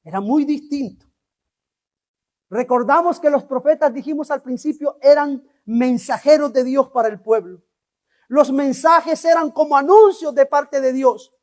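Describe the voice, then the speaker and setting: A man preaching a sermon as pastor, animated and asking the congregation questions. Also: extremely high pitch, unhurried.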